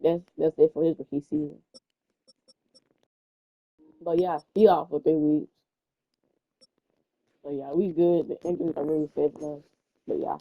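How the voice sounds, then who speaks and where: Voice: medium pitch, normal speed, vocal fry, long pauses, phone-quality sound. A young adult gaming creator talking loosely over a football video game. The voice rambles, repeats itself, and stumbles through sentences in casual slang. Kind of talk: casual gameplay commentary.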